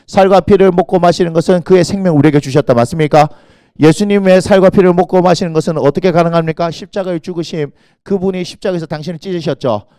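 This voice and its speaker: A middle-aged man preaching a lively sermon as senior pastor, telling stories in an animated way and acting out quoted voices with sudden shouts. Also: sits high, fast, dry recording, studio quality. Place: church sanctuary.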